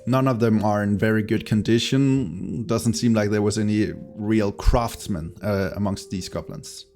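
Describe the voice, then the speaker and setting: A man's voice: fairly low pitch, a little slow, darkish tone, soft background music. A man narrating a tabletop fantasy game as game master, improvising and hesitantly searching for words.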